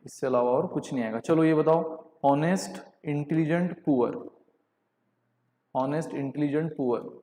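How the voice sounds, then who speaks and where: A man's voice: on the high side, dark tone, a little hiss or hum. Indian man teaching in an echoey room. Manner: mixes Hindi and English, reads statements out slowly, calls on students by name. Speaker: online teacher. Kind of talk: live online lecture.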